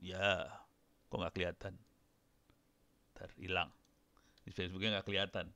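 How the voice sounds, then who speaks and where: A man's voice: low-pitched, flat delivery, moderate pace, sharp tone, clear, resonant tone, no echo. A middle-aged man giving a casual, chatty lecture to students while demonstrating on screen, often laughing between points. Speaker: guest lecturer.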